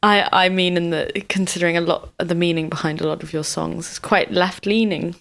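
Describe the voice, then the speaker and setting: A woman's voice: lowish voice, fairly even intonation, brisk, gravelly, a bit bright. A woman co-hosting a podcast, asking questions and teasing her co-host. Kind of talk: casual chat.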